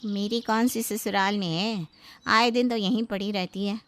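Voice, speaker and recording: A woman's voice: mid-range voice, fairly even intonation, a little slow, natural voice. A woman voicing a put-upon young daughter-in-law who complains and defends herself. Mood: complaining.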